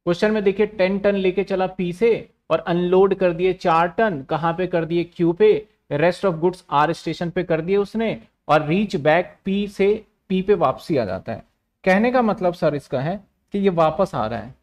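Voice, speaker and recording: A man's voice: sits high, unhurried. A man giving a commerce lecture, asking questions and answering them himself, often repeating phrases. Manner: repetitive, asks and answers his own questions. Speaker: commerce teacher. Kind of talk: online classroom lecture.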